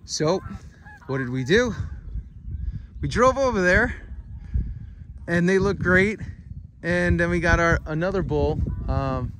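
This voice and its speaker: Rambling farmer outdoors in a pasture. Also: male voice, high-pitched, animated, slow, pauses often, fairly bright tone, slight background noise. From United States. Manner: rambling storytelling with many fillers. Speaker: farmer and channel host. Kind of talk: casual walk-and-talk vlog. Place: outdoors in a farm pasture with cattle.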